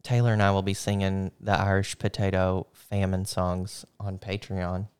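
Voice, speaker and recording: A man's voice: deep voice, little pitch movement, moderate pace, smooth. A man co-hosting a podcast in casual chat, joking and playful. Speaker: podcast co-host.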